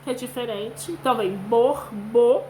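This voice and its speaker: Her fairly high, warm voice moves at a normal speed as she reads aloud to young children. With a Brazilian Portuguese accent, she patiently sounds out syllables in the lesson, captured in a low-quality recording with slight hiss or hum.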